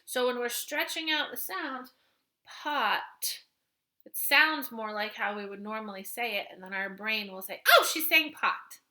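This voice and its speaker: A woman's voice: on the high side, lively intonation, moderate pace, hardly any pauses, bright, forceful tone. A woman teaching phonics to young children, patiently stretching out letter sounds as she builds words. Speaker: kindergarten teacher.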